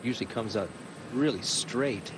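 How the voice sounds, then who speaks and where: A man's voice: medium pitch, moderate pace. A man giving live golf commentary as a commentator outdoors on the course. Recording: loud outdoor course noise.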